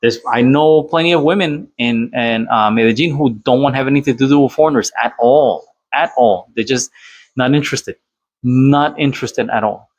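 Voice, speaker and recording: A channel host from Cali, Colombia reacts to a clip with casual, opinionated commentary, rambling with lots of fillers and restarts. His voice is medium-pitched at normal speed, with no echo.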